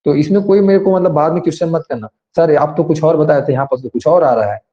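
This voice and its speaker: A man's voice: fairly high pitch, dark tone. Man teaching grammar, dull lo-fi sound. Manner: explains slowly, asks students to raise hands. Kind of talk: online class lesson.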